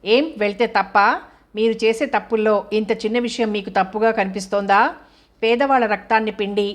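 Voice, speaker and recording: A woman's voice: medium pitch, close to an everyday voice. A woman voicing an angry, hurt young wife who accuses her husband with bitter sarcasm.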